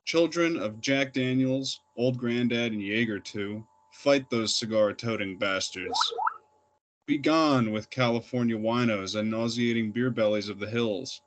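A man's voice: medium pitch, unhurried. A young man reading his own poems aloud at an open reading, plain and unpolished, with fillers between poems. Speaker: poet reading. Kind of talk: poetry reading.

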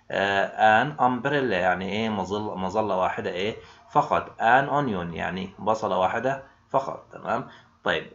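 A man's voice: fairly low pitch, a bit bright. A man with an Egyptian Arabic accent teaching an online English grammar lesson. He keeps asking questions and answering them himself. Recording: dull lo-fi sound.

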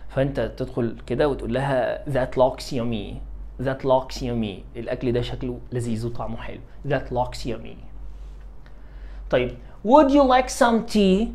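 An English teacher with an Egyptian Arabic accent drills vocabulary for young pupils. He repeats every word again and again and draws the English sentences out slowly and clearly, with a playful, coaxing manner. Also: medium pitch, darkish tone, a little hiss or hum. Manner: repeats each word many times, drawing English phrases out slowly. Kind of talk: classroom-style vocabulary drilling.

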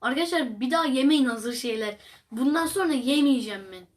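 A woman's voice: high voice, expressive, brisk. A young woman hosting a casual reaction video, rambling and exclamatory as she talks straight to her viewers. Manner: chatty, rambling, exclamatory, addresses viewers as friends. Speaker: video host reacting to clips.

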